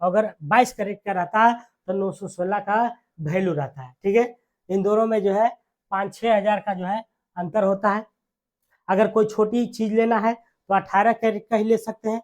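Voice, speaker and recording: A teacher delivers an exam lesson, drilling each answer by saying it twice. Short rhetorical questions and tags keep checking on the listener. The pitch sits in a middle range. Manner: repeats key words, quizzes with "है ना" tags. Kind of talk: classroom-style exam lesson.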